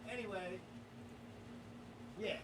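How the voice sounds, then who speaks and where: A man's voice: sits high, slow pace, noisy background. A man hosting a casual podcast, talking in a blunt, profane, opinionated way. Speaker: podcast host.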